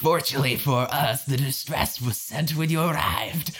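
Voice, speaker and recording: A man's voice: mid-range voice, normal speed, a bit bright, husky, faint music behind. A man putting on a gurgling alien admiral. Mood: smug. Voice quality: wet, gurgling throat sound. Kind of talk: reading a draft aloud with character voices.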